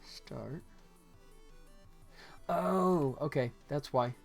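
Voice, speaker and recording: Very slowly and in a creaky, slightly high voice, an American game developer rambles and thinks out loud while working on a casual livestream. Music plays in the background.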